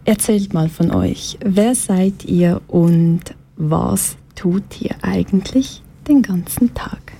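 A woman with a Swiss German accent hosting a radio talk show, introducing guests in a friendly, measured way. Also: on the low side, vocal fry, warm tone, slight background noise. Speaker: radio host.

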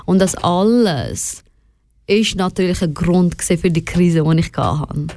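A young woman from Switzerland whose family is Afghan talks candidly and reflectively about personal things as an interview guest, with a Swiss German accent and some English words. Her fairly low voice is expressive and mellow, at a measured pace, with no room sound.

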